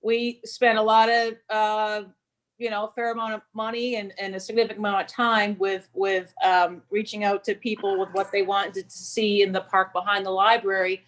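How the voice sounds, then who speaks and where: A woman's voice: medium pitch, little pitch movement, normal speed, fairly bright tone. A woman speaking as a committee member at a town meeting, hesitant and full of fillers.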